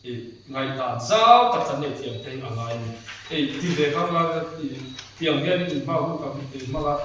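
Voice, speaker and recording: A man's voice: on the high side, a little hiss or hum. A man, a doctor, giving an explanatory lecture to a youth group and slipping English terms into his talk. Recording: echoey hall, mic far off.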